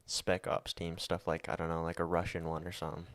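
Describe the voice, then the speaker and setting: A man with a lowish voice talking quickly in casual podcast chat about a book. He rambles and hedges, filling his sentences with "like". Relaxed, conversational delivery. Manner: rambling, hedging with "like". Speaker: podcast co-host.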